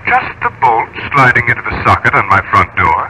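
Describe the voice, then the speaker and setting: An actor playing a calm, mysterious male magician in a 1930s radio drama, speaking smoothly and with quiet command. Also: medium pitch, natural voice. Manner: smooth, unhurried, dreamy to commanding. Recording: noisy old radio recording.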